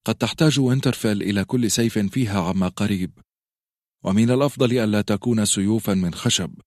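A man's voice: lowish voice, fast talker, a little mellow, no room sound, studio quality, close to an everyday voice. A man reading a firm noble mother. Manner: firm, decisive.

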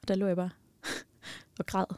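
A young woman telling a personal story as a podcast guest, animated and emotional, with many fillers. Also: mid-range voice, smooth, no echo, studio quality.

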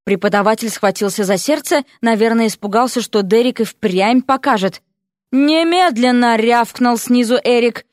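A woman narrates a fantasy audiobook with a lively, characterful delivery. Her voice sits fairly high, recorded dry and close. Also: normal speed, hardly any pauses, no echo. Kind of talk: expressive fantasy audiobook reading.

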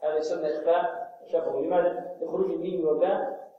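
A man's voice: fairly high pitch, level tone, muffled recording, a little hiss or hum. Echoey far-off man teaching recitation. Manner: asks the class questions and answers them himself; demonstrates pronunciation slowly and drawn out. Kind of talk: tajweed lesson. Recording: very echoey room, voice far from the mic.

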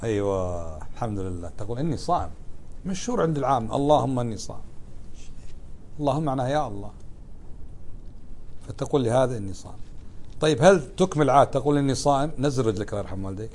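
Man, religious teacher, classroom lesson, asks and answers questions, mid-pitched voice. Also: lively intonation, fast talker, long pauses, darkish tone, slight background noise. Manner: asks students questions and answers them, conversational.

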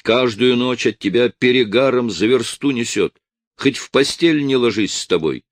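A man reading an audiobook voices an angry wife, raising his pitch and volume as she nags, sneers and shouts with hatred. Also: big pitch swings, normal speed, vocal fry, no room sound, studio quality, full character voice. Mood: hateful. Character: angry nagging wife, shrill and spiteful.

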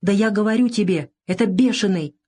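A woman's voice: mid-range voice, fairly quick, warm tone, slightly rough, close to an everyday voice. A woman voicing a gloomy, wary male convict in an audiobook, speaking anxiously and urgently.

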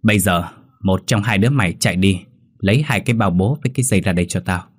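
Guy doing a mean old boss man, husky low voice, barks orders. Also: fast talker. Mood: barking. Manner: barking, bossy orders. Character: harsh bullying old village master, man.

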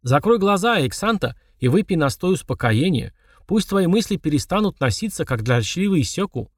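A man's voice: high voice, sing-song, slightly rough, no echo, clean studio sound, pitched above the performer's own voice, exaggerated voice. Tekui, a man voicing a solemn old dwarf elder. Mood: gentle. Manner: solemn, unhurried, proverb-like speech. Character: wise gentle old male dwarf elder.

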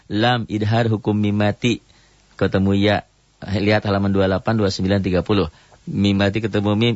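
A man teaching Quran recitation rules on a radio program, explaining each rule in short phrases and now and then chanting a verse slowly at a higher pitch. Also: no room sound, highs cut off. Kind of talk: radio tajwid lesson.

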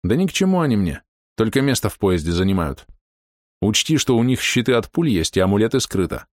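A man reading an audiobook, voicing a confident young mage who gives brisk instructions. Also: on the low side, sing-song, no echo, pitched above the performer's own voice. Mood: instructive.

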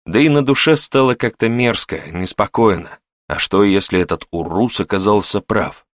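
Male audiobook narrator, low and measured, dry studio read. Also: dry recording. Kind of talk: scripted narration.

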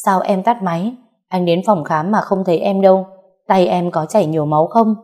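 A woman's voice: fairly low pitch, mellow, close to an everyday voice. Earnest young husband, read by a woman. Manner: measured, pleading, firm. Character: earnest young husband defending his wife.

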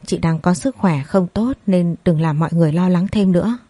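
A woman plays a teary younger sister pleading for calm. She coaxes and begs in a low mellow voice, heard up close and dry. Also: brisk, no room sound, close to an everyday voice. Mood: coaxing, tearful. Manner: coaxing, begging.

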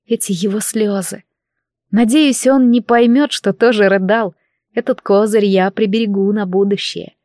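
A woman's voice: mid-range voice, fairly even intonation, normal speed, warm tone, no echo, clean studio sound. Woman narrating a fantasy audiobook. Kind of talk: scripted first-person fantasy narration.

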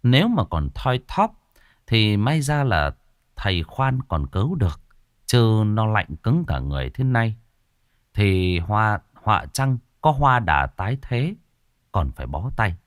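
Casting: male storyteller for a horror audiobook, low voice with lively pitch swings, dry close recording. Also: a little slow, clean tone, no room sound. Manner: dramatic storytelling, varied delivery. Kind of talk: ghost story narration.

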